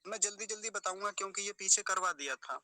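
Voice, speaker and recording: Bright-voiced man slowly spelling out sounds. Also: sits high, poor audio. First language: Hindi. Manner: repeats each syllable slowly and carefully. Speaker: Sanskrit pronunciation teacher. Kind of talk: explanatory pronunciation lesson.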